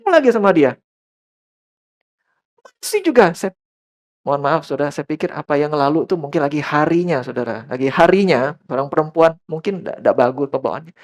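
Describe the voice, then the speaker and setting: A man's voice: fairly high pitch, lively intonation, a little fast. A male pastor preaching a church sermon as a story, often turning to his listeners and dropping English phrases into his talk. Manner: storytelling, often addressing listeners as brothers and sisters.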